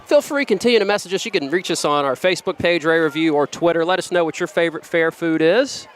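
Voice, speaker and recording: A man calls a small-town high school football game in a slightly high voice, trading jokey, rambling asides about food with his partner. Faint outdoor stadium noise sits behind him. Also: quick pace. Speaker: play-by-play commentator. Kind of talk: local high school football broadcast commentary.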